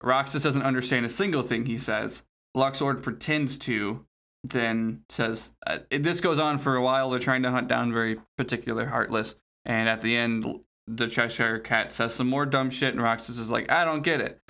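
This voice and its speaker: A man's voice: medium pitch, steady tone, normal speed, gravelly, bright, forceful tone. A man co-hosting a podcast, recapping a story in casual chat with sardonic, sweary griping. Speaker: podcast host.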